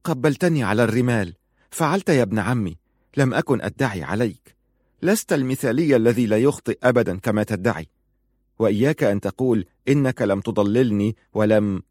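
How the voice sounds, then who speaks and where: This is a proud young woman in a spoken story, hurt and quick to accuse. A man voices her with a lifted pitch and a cutting, bitter edge on every line. The sound is close and dry. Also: animated, dry recording, lightly acted. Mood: sharp. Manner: sharp, accusing.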